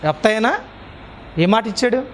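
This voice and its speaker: A man's voice: high-pitched, expressive, moderate pace. A male preacher giving a sermon to a congregation in a church, firing repeated rhetorical questions and urging the listeners to answer aloud. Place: church hall.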